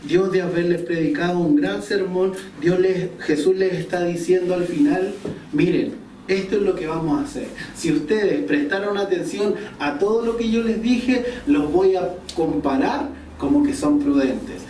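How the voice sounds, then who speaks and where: Male preacher, mellow tone, storytelling sermon, distant mic with faint room noise. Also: sits high, moderate pace, echoey room. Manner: storytelling, asks the congregation questions. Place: church hall.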